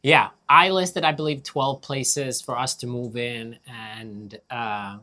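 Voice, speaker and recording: A man co-hosting a casual family chat. He explains things in an easygoing, unhurried way and laughs often. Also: mid-range voice, steady tone, bright, forceful tone. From Finland. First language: Finnish. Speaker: co-host.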